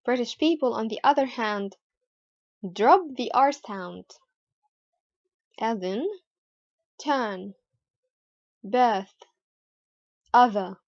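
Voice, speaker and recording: A woman teaching English pronunciation, explaining deliberately and repeating example words for learners. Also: a little high, lively intonation, no room sound. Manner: carefully repeats model words for practice. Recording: dull, slightly lo-fi dry sound.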